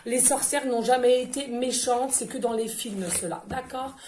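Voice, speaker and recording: A woman medium does an oracle card reading for her viewers in a slightly high voice at a moderate pace. Her manner is casual and effusive, full of fillers and repetitions, and the recording has an echoey room with faint noise.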